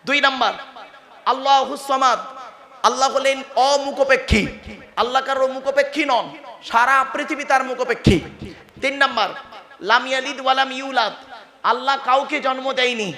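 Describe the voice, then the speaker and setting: A man's voice: very high-pitched, steady tone, moderate pace, pushed and bright, echoey room. A male Islamic preacher from West Bengal giving a waz sermon to a crowd, calling on listeners to answer and slipping English words into his talk. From West Bengal, India. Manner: calls on the crowd to answer, mixes in English words, jokes about mispronunciation.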